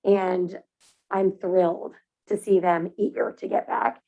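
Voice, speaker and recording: A woman's voice: on the low side, steady tone, slow, vocal fry, mellow. A woman board director and parent making upbeat, chatty remarks at a public meeting. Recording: muffled meeting-room audio.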